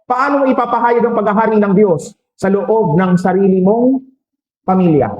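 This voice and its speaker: High-voiced Filipino priest in a roomy church. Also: male voice, lo-fi sound. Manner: preaching with rhetorical questions and quick jokes. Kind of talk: sermon.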